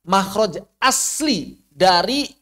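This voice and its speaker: A man's voice: high voice, lively intonation, slow pace, a bit bright. A man with an Indonesian accent teaching Arabic pronunciation as a Quran teacher, over-enunciating and drawing out sounds to demonstrate. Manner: instructive, with repeated examples and rhetorical questions. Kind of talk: live lesson on Arabic pronunciation.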